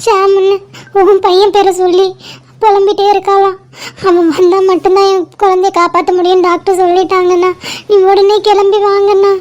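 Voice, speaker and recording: A sobbing cartoon aunt begging for help, played by a woman. Her voice is very high and thin and barely moves in melody. She keeps pleading through tears. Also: level tone, moderate pace, a little mellow. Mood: tearful. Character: distraught aunt pleading over the phone, tearful. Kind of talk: cartoon voice acting.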